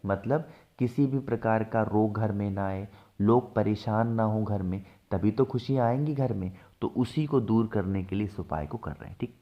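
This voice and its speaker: A man's voice: fairly low pitch, muffled recording. Hindi-speaking man teaching rituals. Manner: asks and answers his own questions; slows down to stress steps. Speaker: religious ritual instructor. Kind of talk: devotional how-to teaching.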